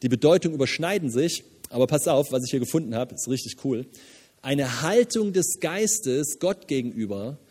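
A man preaching a sermon as a pastor, emphatic and lively, with casual asides. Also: mid-range voice, moderate pace, slightly rough, long reverb tail. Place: church hall.

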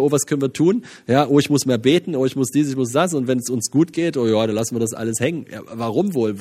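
A man's voice: medium pitch, husky. A man preaching a sermon with energy, often repeating himself and throwing in "ja". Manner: energetic, many interjections and repeated phrases. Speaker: pastor.

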